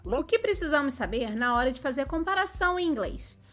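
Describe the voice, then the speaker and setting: A woman's voice: high voice, animated, fast talker, fairly bright tone, soft background music. A woman hosting a children's learning podcast, introducing a tutor and explaining the lesson to listeners. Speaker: podcast host. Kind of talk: explaining to parents.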